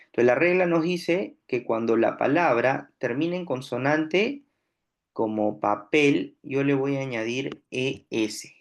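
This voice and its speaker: A man's voice: medium pitch, gravelly. A man teaching a grammar lesson, explaining step by step and often checking with his students. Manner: slow, deliberate explaining with frequent checks "¿no?". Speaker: language teacher.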